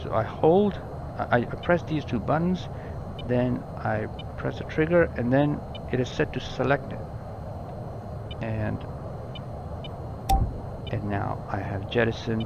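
This mid-pitched male tutorial presenter is slow and leaves long pauses as he explains a flight simulator cockpit informally, often repeating himself for clarity. The audio is dull and lo-fi, with noticeable noise behind him.

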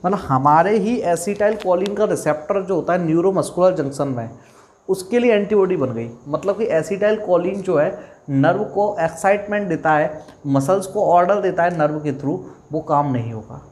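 Higher-voiced male biology teacher. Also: normal speed, darkish tone. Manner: asks questions and answers them himself, repeats key terms. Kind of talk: exam-prep lecture.

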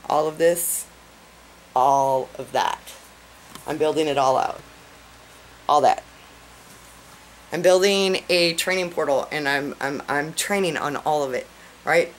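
A woman talking to camera about her online business plans, excited and rambling, a little out of breath, often asking "right?". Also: on the low side, slight background noise, poor audio. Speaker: online marketing vlogger. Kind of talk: casual talk to camera. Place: at home, with a whiteboard behind her.

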